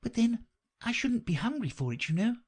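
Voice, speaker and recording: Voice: medium pitch, big pitch swings, normal speed, slightly rough, pitched above the performer's own voice. A reader voicing a curious, polite young girl who asks earnest questions. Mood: inquisitive. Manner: earnest, inquisitive, politely puzzled.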